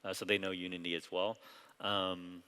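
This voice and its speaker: A man's voice: sits low, moderate pace, clear, resonant tone. Man presenting in a reverberant hall. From Hong Kong. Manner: relaxed, loose delivery with frequent fillers and restarts. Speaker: company founder presenting at a conference. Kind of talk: conference presentation. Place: large conference hall.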